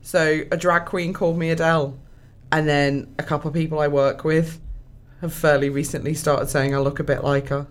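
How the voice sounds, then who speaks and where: A man's voice: on the high side, level tone, moderate pace, hardly any pauses. A man joking around in casual podcast chat. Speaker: podcast co-host.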